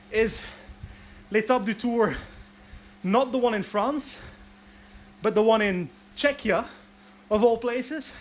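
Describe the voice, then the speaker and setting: Pedaling away on his indoor bike trainer, a Belgian livestream host chats casually in a fairly high voice, fielding questions from chat and laughing at his own expense. The warm room has a fan running, and a faint hiss or hum sits under the audio.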